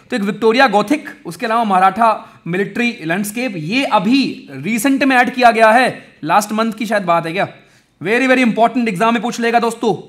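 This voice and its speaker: A young man with a high-pitched voice teaches exam-prep mnemonics in a chatty, energetic lesson, addressing his viewers as friends and brothers.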